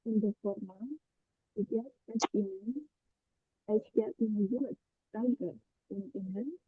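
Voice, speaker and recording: A woman's voice: mid-range voice, slow pace, breathy edge, no room sound. A woman student reciting formal and informal German greetings in an online class. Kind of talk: reciting practice phrases. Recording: tinny phone-like call audio.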